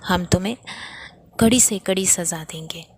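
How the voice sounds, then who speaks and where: A woman's voice: lowish voice, normal speed, no echo. Woman reading as a stern scolding night queen. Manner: scolding, commanding. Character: stern female night queen judging children.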